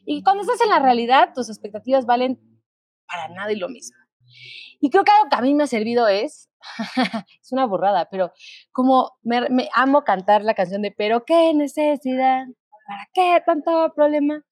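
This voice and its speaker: A woman, co-hosting a podcast and talking candidly in a lively, conversational way. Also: on the high side, brisk, no echo, studio quality. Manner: candid, animated storytelling with quoted asides. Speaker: podcast co-host. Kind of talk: casual conversation.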